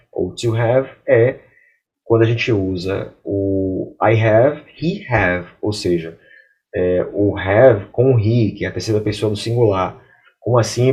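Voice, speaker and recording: The audio is dull as a Brazilian Portuguese-speaking man teaches English grammar, explaining clearly and slowly reading English examples. His voice is lowish and darkish in tone.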